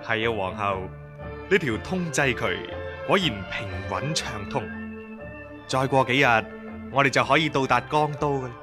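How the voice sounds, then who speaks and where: An actor playing a self-satisfied emperor with a leisurely, regal tone. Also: male voice, mid-range voice, expressive, moderate pace, natural voice. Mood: pleased. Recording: music playing underneath.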